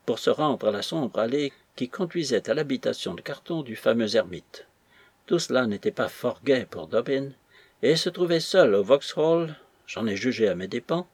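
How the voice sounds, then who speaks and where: A man narrating a classic novel as an audiobook, measured and lightly ironic in his storytelling. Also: medium pitch, a little mellow, husky, no echo.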